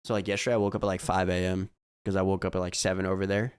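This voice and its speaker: A young man hosting a casual chat, sick and raspy, relaxed and full of fillers, trailing off quietly. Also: low voice, rapid-fire. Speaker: podcast host.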